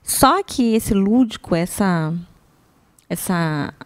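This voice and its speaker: A woman's voice: mid-range voice, lively intonation, takes it slowly, smooth. A woman, an educator explaining things in a teacherly way during a casual chat.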